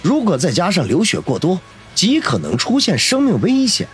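A man narrating a novel in a dramatic, expressive storytelling voice. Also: sits high, normal speed, faint music behind. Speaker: audiobook narrator.

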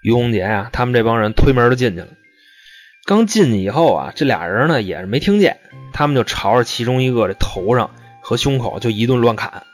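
A man's voice: medium pitch, animated, fairly quick, soft background music. A man telling a true-crime story in a casual, slangy, profane way.

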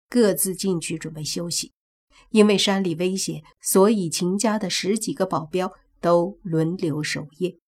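A woman narrating a suspense novel as an audiobook, reading slowly and voicing the characters herself. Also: on the low side, darkish tone, breathy edge. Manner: slow, measured storytelling voicing all characters.

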